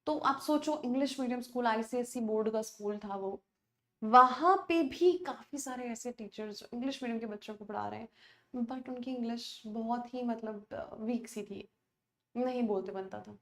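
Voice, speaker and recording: A woman teaching an English class online, switching easily between Hindi and English. She talks in a chatty, coaxing way, her voice on the higher side. The room around her is echoey. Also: moderate pace, fairly bright tone.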